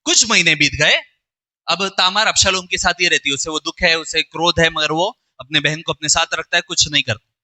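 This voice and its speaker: High, forceful man telling a sermon story. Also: fairly quick, no room sound. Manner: acts out dialogue in character voices; colloquial, animated retelling. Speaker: pastor.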